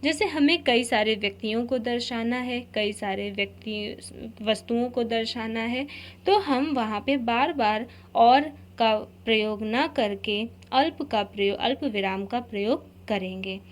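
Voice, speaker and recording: A woman teacher explains grammar at a slow, measured pace. Her voice sits a little high, and she repeats each example with care. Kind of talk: grammar lesson.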